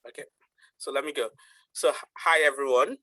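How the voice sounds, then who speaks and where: A man from Nigeria introduces himself in short listing phrases. His voice is bright and forceful, and the sound is close and dry. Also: mid-range voice, fairly even intonation, a little fast, dry recording, rough recording. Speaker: MBA student panelist. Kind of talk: self-introduction on a video call. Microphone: video call.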